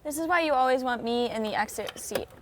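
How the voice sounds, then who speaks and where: Animated, high-voiced joking woman vlogger. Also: a little fast, over loud music. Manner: joking, dramatic. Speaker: vlog host trying flight attendant training. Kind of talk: playful casual vlog chat.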